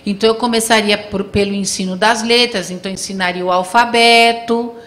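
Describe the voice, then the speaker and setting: A woman's voice: mid-range voice, steady tone, fairly quick, a bit bright. A woman lecturing to a live audience, explaining step by step and often checking in with her listeners. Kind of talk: classroom lecture.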